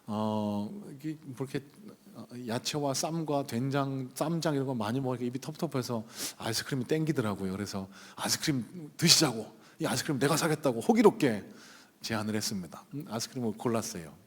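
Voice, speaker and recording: A man's voice: mid-range voice, brisk, a little mellow. A male pastor telling a personal story in a sermon, conversational and full of hesitant fillers, speaking from the pulpit of a church sanctuary. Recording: long reverb of a church hall.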